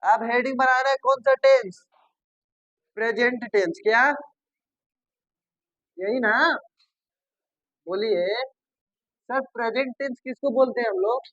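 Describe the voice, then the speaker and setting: A man's voice: very high voice, unhurried, pauses often, fairly bright tone, dry recording, dull audio. A male teacher giving a grammar lesson, repeating terms and asking and answering his own questions. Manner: repetitive, addresses students as babu and sir, asks and answers himself.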